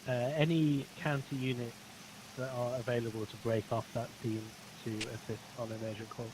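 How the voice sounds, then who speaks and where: A man working as police dispatcher over police radio, rattling off brisk call codes. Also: medium pitch, level tone, noisy background. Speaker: police dispatcher in a roleplay game.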